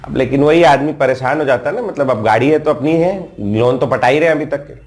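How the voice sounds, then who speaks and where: A male chemistry tutor, speaking at a middle pitch. He tells a lively story in the middle of his lecture, and his voice leaps upward whenever he sounds exasperated. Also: fairly quick. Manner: animated storyteller, voice jumps higher when exasperated.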